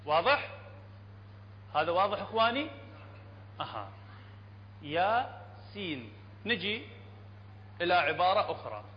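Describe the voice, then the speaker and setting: Iraqi man teaching tajweed, high voice, often checks with the class, dull lo-fi hall recording with faint hum. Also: big pitch swings. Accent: Iraqi Arabic. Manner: explains plainly, checks often with the class, chants verses slowly. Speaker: Quran recitation teacher.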